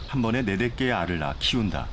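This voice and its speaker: Low-pitched male nature documentary narrator. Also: big pitch swings, quick pace, fairly bright tone, slight background noise.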